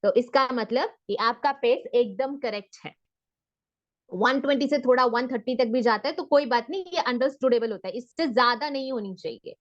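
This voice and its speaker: Encouraging female speaking coach, higher voice. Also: normal speed, muffled recording. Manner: mixes Hindi and English, encouraging. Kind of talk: online class session.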